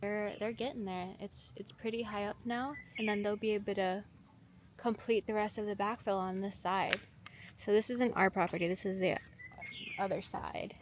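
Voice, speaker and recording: A woman chatting to camera in a casual vlog outdoors, excited and full of fillers. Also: mid-range voice, normal speed. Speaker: vlogger showing their land. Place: outdoors on a building site. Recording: outdoor noise, passing vehicles.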